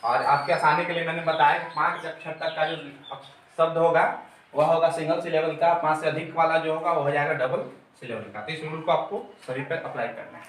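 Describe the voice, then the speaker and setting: A man's voice: fairly high pitch, fairly even intonation, brisk, slight background noise. A man teacher explaining a grammar lesson step by step, repeating his key terms. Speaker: English teacher. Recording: very echoey room, mic far off.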